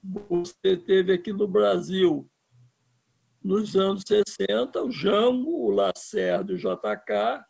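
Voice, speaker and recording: Gravelly, husky older Brazilian man. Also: high voice, sing-song, takes it slowly, darkish tone, faint music behind. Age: 70s. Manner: impassioned, emphatic, restarts words. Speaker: interviewed filmmaker. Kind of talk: political interview.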